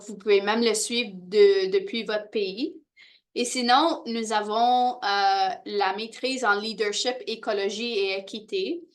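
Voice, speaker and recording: A woman's voice: mid-range voice, fairly bright tone. Hesitant woman presenting university programs. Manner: hesitant, many fillers and restarts. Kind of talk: informational presentation to prospective students.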